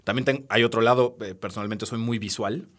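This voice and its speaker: A middle-aged man from Peru, a podcast guest who explains calmly and often ends with a tag question. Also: lowish voice, brisk. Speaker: podcast guest, tech entrepreneur. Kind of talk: casual interview talk.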